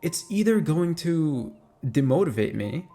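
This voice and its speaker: Very animated yet speaking a little slowly, a man with a fairly high, mellow voice answers fans' questions in a casual Q&A. Tagalog is his first language, and as an audio creator he's candid, playful and free with swearing, with faint music behind him.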